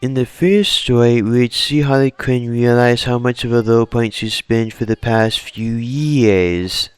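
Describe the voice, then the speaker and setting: A man casually pitching fan story ideas in long, rambling run-on sentences. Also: unhurried, smooth, no echo.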